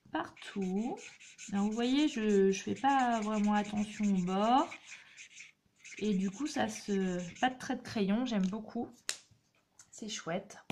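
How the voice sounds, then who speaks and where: A woman with a fairly high voice hosts a craft tutorial, chatting and encouraging viewers while she demonstrates each step. There's slight background noise.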